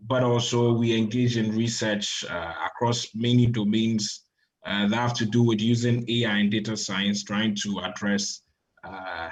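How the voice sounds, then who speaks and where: A man who founded a health AI lab, introducing himself on an online panel in a friendly, relaxed way. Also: fairly low pitch, poor audio.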